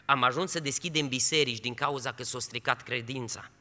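A man preaching a fervent sermon, moving between quiet talk and loud, emphatic exhortation. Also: mid-range voice. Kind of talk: church sermon. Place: church. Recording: echoey church hall.

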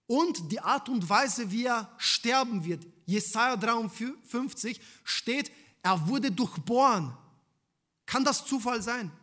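A male preacher delivering a sermon in a high, bright voice. He presses his points with rhetorical questions to the congregation, his delivery swinging between loud emphasis and hushed lines. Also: animated, slow pace.

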